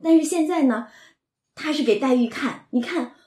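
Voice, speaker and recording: A woman talks through a classic novel in a relaxed, conversational way, retelling scenes and slipping into the characters' lines. Her voice sits a little high, and she leans on filler words as she explains. The recording carries a noticeable roomy echo. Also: moderate pace. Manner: retells scenes, slips into quoted dialogue, frequent filler words. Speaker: literature commentator.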